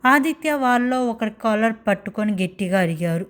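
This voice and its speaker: A woman's voice: medium pitch, expressive, fairly quick. A woman narrating a dramatic love story in a scripted storytelling style.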